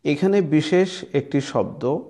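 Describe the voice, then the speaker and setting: A man with a Bangladeshi Bengali accent teaches Quran recitation in a slow lesson, his voice warm and a little high. He sounds out letters and words aloud again and again as he explains.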